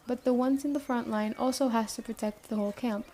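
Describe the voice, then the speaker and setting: A woman plays the stern but caring leader of an apocalypse survivor camp, addressing the listener directly in brisk, matter-of-fact ASMR roleplay. Her slightly high voice is very mellow and soft-edged, steady and lightly acted, with a little hiss or hum, and the mood is businesslike and earnest.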